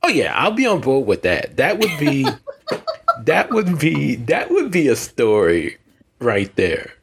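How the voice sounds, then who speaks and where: Slow, gravelly Southern man. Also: medium pitch, background noise. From American South. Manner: animated, rambling, with frequent restarts. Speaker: podcast co-host. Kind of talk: casual chat.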